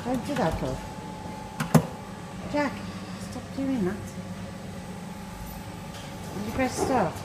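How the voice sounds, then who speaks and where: A middle-aged woman, a mother talking briskly and bossily to her son while filming on a phone. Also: fairly high pitch, lively intonation, heavy background noise. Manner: brisk, bossy everyday parent talk. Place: indoor kiddie ride area, echoey. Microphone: phone camera held by her. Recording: echoey room, loud music behind.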